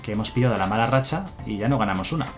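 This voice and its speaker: Chatty Spanish streamer over soft music. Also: male voice, on the low side, animated, very fast. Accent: Spain Spanish. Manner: chatty, answers chat, muses aloud. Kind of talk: casual live-stream commentary. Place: home room with a chair.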